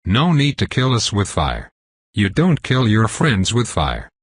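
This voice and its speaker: A friendly rubbery blue parrot speaks slowly and soothingly, voiced by a man in an audiobook. The tone is low and slightly husky, and the sound is dry. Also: huge pitch swings, dry recording, heavily acted. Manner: soothing, slow. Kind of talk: audiobook character voice.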